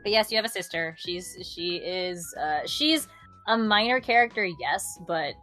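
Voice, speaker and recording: A woman streamer talks through a game's story in a loose, animated way, with lots of likes and ums. Her voice is bright. Faint music plays behind her. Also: on the low side, a little slow. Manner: animated storytelling with many fillers and laughs. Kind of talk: casual chat.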